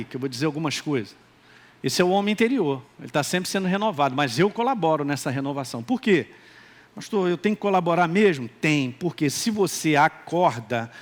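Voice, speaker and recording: Lively high-voiced pastor with a mineiro accent. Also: male voice. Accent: Minas Gerais Brazilian Portuguese. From Brazil, Minas Gerais. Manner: animated, joking, calls out for responses. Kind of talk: sermon.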